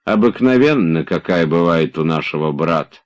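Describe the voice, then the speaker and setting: A man's voice: low-pitched, expressive, moderate pace. A man voicing a stubborn, grumbling old manservant who drawls his excuses. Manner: lazy, sullen, drawling.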